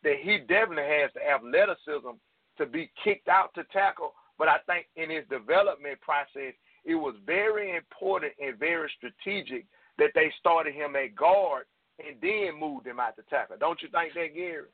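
A man's voice: fairly high pitch, normal speed, no echo. A man calling in to a sports radio show over the phone, chatting casually and earnestly asking the host's opinion. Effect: heard over the phone. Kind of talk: casual call-in chat. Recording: tinny phone line, dry.

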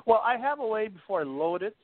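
A man's voice: sits high, sing-song, quick pace, no echo. A man hosting a sports talk show in a casual, loose, chatty way, through a phone-like connection. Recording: tinny, phone-like internet radio.

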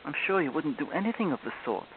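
A man reading a storybook, voicing a kind, earnest little girl in a gentle, reassuring way. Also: fairly high pitch, expressive, fast, close to an everyday voice. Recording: tinny phone-like audio with loud noise.

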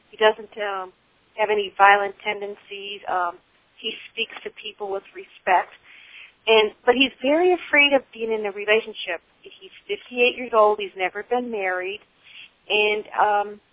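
A woman's voice: mid-range voice, no echo. A woman calling in to a radio show, talking hesitantly over the phone with many fillers. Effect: phone line on a radio call-in show. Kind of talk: casual call-in talk. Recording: tinny phone line, dry.

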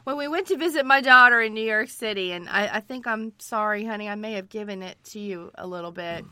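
Middle-aged female co-host, gravelly and congested, sharp-edged tone, animated casual chat, close dry sound. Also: medium pitch, a little fast, dry recording. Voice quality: gravelly voice from a passing illness. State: hoarse with a cold, clearing throat. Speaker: co-host of a survival medicine show. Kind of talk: casual co-hosted talk.

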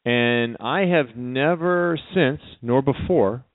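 A man co-hosting a radio talk show, chatting casually with a wry, deadpan humor. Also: mid-range voice, slow pace, dry recording. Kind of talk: casual chat. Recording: dry, phone-like narrow sound.

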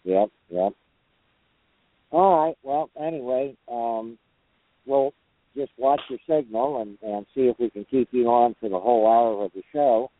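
A man's voice: medium pitch, a little slow. A man hosting a casual truckers' call-in show from a parked truck cab, talking in a folksy, rambling, hesitant way. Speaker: host of a truckers' talk show. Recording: narrow, tinny phone or radio line.

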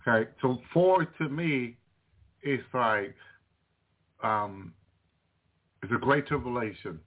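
A man giving informal religious commentary in a halting, repetitive manner. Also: medium pitch. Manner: halting, repetitive, pausing to say okay. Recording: tinny, phone-like narrow-band audio.

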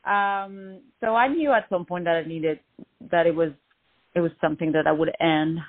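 A woman's voice: lowish voice, normal speed. A woman musician who grew up in France, answering interview questions hesitantly with many fillers. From Lebanon, raised in France. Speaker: musician guest. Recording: tinny phone-line sound.

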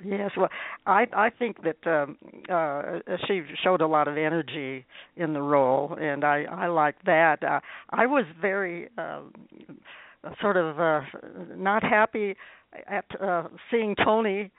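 A man hosting a radio interview, asking questions haltingly, with many fillers, restarts and soft chuckles. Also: fairly high pitch, dry recording. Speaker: radio show host. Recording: tinny phone line.

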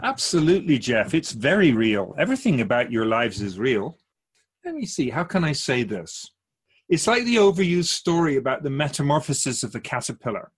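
In a radio drama interview, an actor voices a wise, otherworldly male keeper of souls who teaches gently, as if an outsider to humankind. His husky, medium-pitched voice is sing-song at a normal speed, reassuring and instructive.

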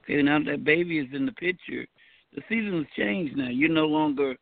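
A man co-hosting a casual faith-based talk show, laid-back and folksy, pausing often with fillers. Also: on the high side, expressive, creaky, no echo, phone-quality sound. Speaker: podcast co-host.

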